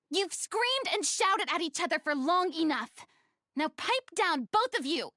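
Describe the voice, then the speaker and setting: A woman's voice: high-pitched, a bit bright, dry recording, clean studio sound. A woman voicing a stern, commanding young woman in a video game, lecturing in a firm voice. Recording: game music underneath.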